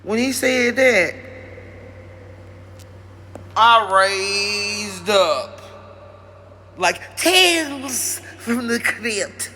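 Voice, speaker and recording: Man, comic storyteller, rambling and chatty, high bright voice. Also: expressive, drawn-out words, long pauses, slight background noise. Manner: rambling, chatty, addresses audience directly. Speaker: comedian. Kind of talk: comedic storytelling monologue.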